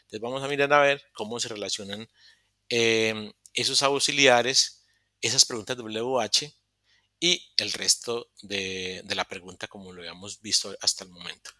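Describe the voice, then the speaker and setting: Male teacher, online lesson, patient step-by-step explainer with a bright tone on a dry, close computer mic. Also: on the low side, fairly even intonation, moderate pace, dry recording. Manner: explains step by step, repeats phrases, self-corrects. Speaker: English teacher. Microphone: computer microphone in a virtual session.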